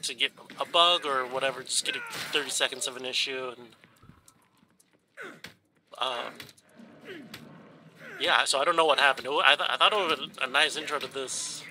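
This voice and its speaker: Over background noise, a man with a medium-pitched voice and a stuffed, runny nose talks over his game footage. He's a gaming YouTuber doing casual let's play commentary, rambling with many ums and restarts.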